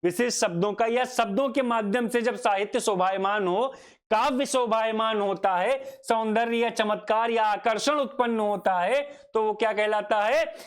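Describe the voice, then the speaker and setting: A man's voice: high voice, moderate pace, smooth. A man teaching a grammar lesson, asking himself questions, repeating each definition and calling his students "child". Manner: addresses students fondly as child. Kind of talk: Hindi grammar lecture.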